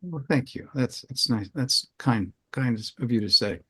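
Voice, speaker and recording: A man's voice: mid-range voice, lively intonation, unhurried, bright, forceful tone, breathy edge. An older man hosting a podcast interview, asking long, rambling questions full of restarts. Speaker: interviewer, show host.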